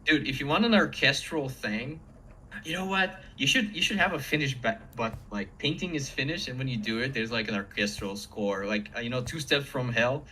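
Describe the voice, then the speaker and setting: A painting teacher chats casually and enthusiastically on a livestream in an informal way. His voice is medium-pitched at a normal speed, with faint room noise in the background.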